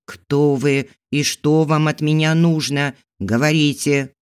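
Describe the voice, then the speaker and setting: Audiobook role: a man playing a stubborn young heroine, barks orders, pitched up and louder. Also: steady tone, slow pace, clear, resonant tone. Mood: commanding. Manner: commanding, indignant outbursts. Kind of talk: audiobook character voicing.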